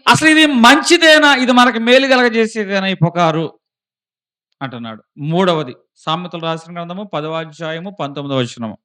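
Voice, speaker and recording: A man's voice: on the high side, expressive, moderate pace, sharp tone. A man preaching a sermon as pastor, asking questions of his listeners and rising into emphatic bursts. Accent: Telugu. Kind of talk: Telugu sermon.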